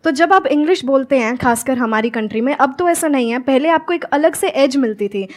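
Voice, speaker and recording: A woman's voice: high voice, animated, brisk, darkish tone. A young woman from Haryana, a guest giving earnest answers in an interview and mixing Hindi with fluent English. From Haryana, India. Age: young adult. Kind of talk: answering interview questions on stage.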